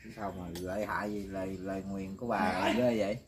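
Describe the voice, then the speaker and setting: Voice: low voice, fairly even intonation, fast, crowd noise. An interviewer asking short questions in a casual way.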